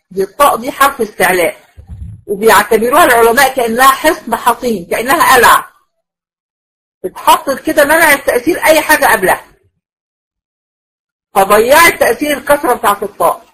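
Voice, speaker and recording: Woman, Egyptian accent, recitation teacher, somewhat high voice, husky, patient and repetitive, asks the class checking questions. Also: fairly bright tone, rough recording. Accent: Egyptian Arabic. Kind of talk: classroom lecture.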